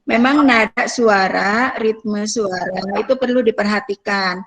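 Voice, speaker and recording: A woman's voice: mid-range voice, fairly bright tone, rough recording. Thoughtful female lecturer giving feedback. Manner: thoughtful, many fillers and pauses. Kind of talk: spoken feedback in a counseling class.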